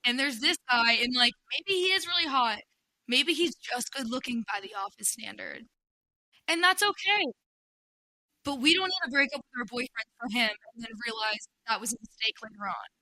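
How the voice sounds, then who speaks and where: A woman's voice: on the high side, animated, moderate pace, pushed and bright, rough recording. A woman hosting a casual podcast, talking bluntly with plenty of swearing and reading forum posts aloud. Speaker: podcast host.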